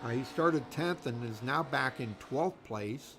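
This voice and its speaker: A man's voice: medium pitch, measured pace, vocal fry, noisy background. A man doing live race commentary in a rambling, folksy way, full of fillers. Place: commentary booth at a racetrack.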